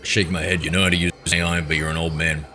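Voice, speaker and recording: A man in his thirties, chatting casually on a live game stream. He reads his chat aloud and banters back in a low voice with a forceful, bright edge. Faint music plays behind him. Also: level tone, quick pace. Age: 30s.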